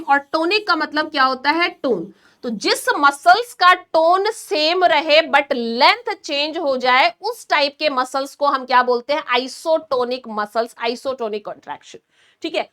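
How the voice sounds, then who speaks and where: A woman's voice: sits high, sharp tone. A woman teaching an online nursing class, quizzing her students and then answering herself. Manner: explains slowly with hand demonstrations.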